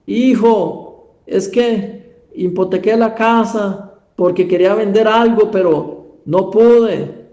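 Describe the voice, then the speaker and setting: Preacher doing a sorrowful, forgetful old mother, raised voice, slow and pleading, echoey room. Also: high-pitched, warm tone, muffled recording. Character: grieving elderly mother, forgetful and despairing.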